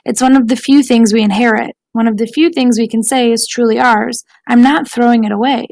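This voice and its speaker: Woman narrator doing a proud earnest mother, firm, slightly high and gravelly, audiobook. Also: fairly even intonation, brisk, a little mellow, no room sound, close to an everyday voice. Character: proud, firm adult mother defending her heritage.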